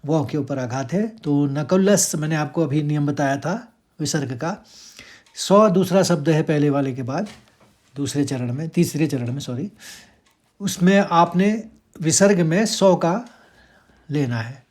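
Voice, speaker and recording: A man teaching how to pronounce a Sanskrit verse. He chants each line slowly and drawn out, then explains the sounds more quickly, speaking. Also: on the high side, expressive, darkish tone.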